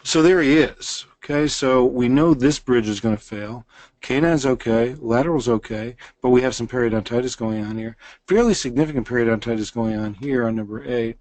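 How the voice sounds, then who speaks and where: Moving briskly through a dental case, a man in his sixties lectures with a mid-range, a little mellow voice and no echo in the sound. He explains by going through the images one step at a time.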